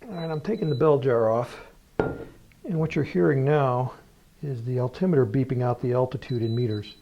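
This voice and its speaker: A man's voice: mid-range voice, moderate pace, dull audio, background noise. A man presenting a hands-on hobby tutorial in a casual, plain-spoken, explanatory way. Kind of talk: casual hands-on demonstration narration.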